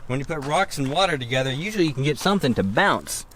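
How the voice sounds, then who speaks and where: A man talks through an outdoor exploration in a casual, curious way. His voice sits at a middle pitch, and he folksily points out what he finds as he walks. The location audio carries noise behind him. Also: animated, quick pace, a bit bright. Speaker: explorer vlogger. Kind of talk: casual exploration vlog narration. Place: outdoors at an open gravel pit pond.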